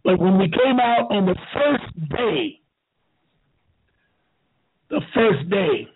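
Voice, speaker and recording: A man in his seventies telling a rambling story slowly, with halting restarts. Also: high voice, sing-song, husky. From United States. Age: 70s. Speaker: show host. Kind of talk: rambling talk. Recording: tinny phone-like line.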